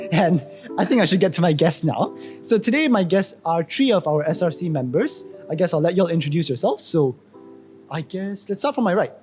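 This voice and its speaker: A young man hosting a student podcast in a relaxed, talkative way with a husky voice. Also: sits high. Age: young adult. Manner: relaxed, talkative, many fillers. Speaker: podcast host. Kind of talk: casual podcast chat.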